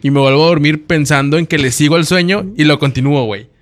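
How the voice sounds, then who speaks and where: A young man with a Mexican Spanish accent telling stories in crude, casual podcast chat. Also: fairly high pitch. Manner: rapid, profane storytelling. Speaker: podcast co-host.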